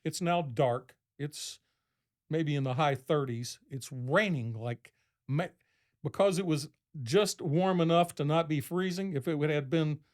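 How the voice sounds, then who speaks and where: A male podcast guest whose voice is a little high and a little mellow rambles casually through a lengthy story, performing quoted lines in a raised voice.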